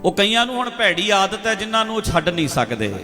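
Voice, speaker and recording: A male preacher tells a sermon story in an animated way and repeats his points for emphasis. His voice sits high. Faint music plays behind him in an echoey hall. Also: fast.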